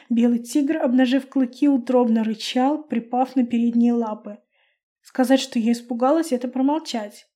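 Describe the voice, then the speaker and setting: A woman narrating a first-person fantasy audiobook with a lively, expressive reading. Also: on the high side.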